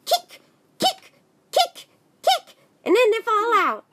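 A woman's voice: very high-pitched, expressive, moderate pace, background noise. A woman voicing a goofy non-human creature host with a little cold, telling silly jokes in a playful kids' chat show.

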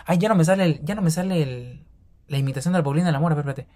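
Fast-talking young man ranting casually. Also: fairly high pitch. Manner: fast, animated rambling with slang and self-corrections. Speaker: podcast host. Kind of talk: casual solo podcast monologue.

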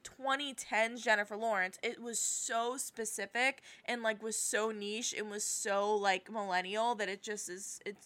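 A woman's voice: medium pitch, steady tone, a little slow, hardly any pauses, fairly bright tone. A young woman co-hosting a podcast, chatting casually and gushing, with lots of "like" fillers. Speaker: podcast co-host. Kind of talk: casual chat.

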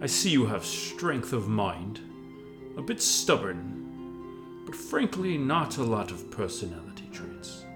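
A man's voice: lowish voice, sing-song, slow pace, music in the background. A man voicing an intrusive, sardonic talking hat that reads minds, drawling and dismissive in a scripted parody audio story. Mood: bored, prying. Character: intrusive, bored, sardonic telepathic sorting hat.

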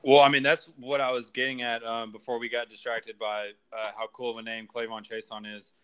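A man's voice: medium pitch, little pitch movement, a little fast, a bit bright, clear, resonant tone, low-quality recording. A young man, a guest on a casual sports podcast, talking in a chatty way with lots of "like.".

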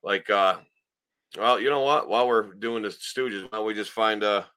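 Male podcast host, lowish bright voice, slangy and sweary, rambling casual chat. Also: normal speed, clear, resonant tone. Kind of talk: casual chat, reacting to clips.

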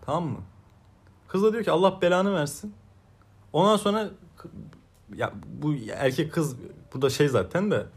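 A man's voice: a little high, big pitch swings, moderate pace, breathy edge. A young man chatting casually as a co-host, laughing often and acting out the people he quotes. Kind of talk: casual chat.

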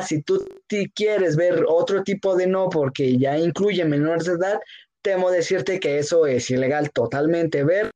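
A man's voice: high-pitched, darkish tone, dull audio. A young man with a Mexican accent, making emphatic points in slang in a casual chat. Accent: Mexican Spanish. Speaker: co-host.

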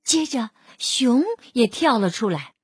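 A woman reads a children's story aloud with a high, very lively voice. She takes her time and her voice is a little breathy. The recording is dry and close. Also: no room sound. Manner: expressive, drawn-out storytelling.

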